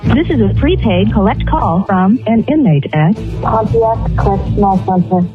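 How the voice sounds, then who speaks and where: A woman's voice: medium pitch, animated, moderate pace. A woman's voice heard over a prison phone line, making a recorded automated announcement. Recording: tinny phone line with music underneath.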